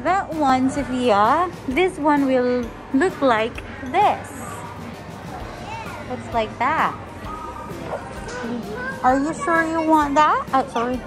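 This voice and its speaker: A woman filming her child in a toy shop, talking slowly and gently urging her along. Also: sits high. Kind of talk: casual family vlog chat. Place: busy toy shop in a shopping mall. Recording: shop with music and crowd. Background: music and crowd chatter.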